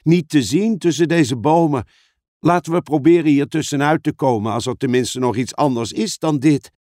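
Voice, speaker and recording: A man's voice: a little high, moderate pace, darkish tone, no echo, clean studio sound, close to an everyday voice. A man voicing the eldest brother, a schoolboy who takes charge, in an audiobook. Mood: steady. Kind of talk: audiobook reading.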